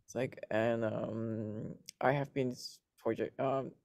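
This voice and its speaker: A man from Hong Kong introducing himself on a video call, relaxed and full of fillers. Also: medium pitch, slow, vocal fry, no echo, clean studio sound. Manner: relaxed, filler-heavy, self-correcting. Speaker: meetup participant, GSoC mentor.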